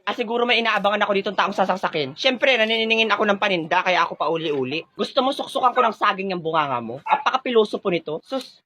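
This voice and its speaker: A woman rattles off a one-person comedy skit, flipping between squabbling characters with a sharp, sassy tongue. She talks quickly, and a clear hiss of noise runs under her voice throughout. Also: mid-range voice, expressive. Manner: sassy, bickering, insult-trading.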